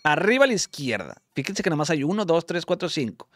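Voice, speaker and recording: Excitable Mexican man, high and lively. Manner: excitable, teasing, rapid play-by-play. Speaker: streamer host calling followers. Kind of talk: lively live-stream phone game commentary.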